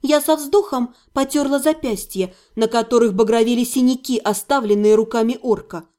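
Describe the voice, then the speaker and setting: A woman narrating a first-person fantasy audiobook, expressive in dialogue. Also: fairly high pitch, normal speed. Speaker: audiobook reader.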